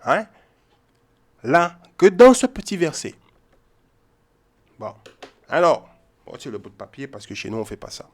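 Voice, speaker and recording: Here the male Bible teacher sounds slightly high and sing-song, talking a little slowly and pausing often. He drives his points home through emphatic repetition, regularly checking in with "ok?" or "hein?"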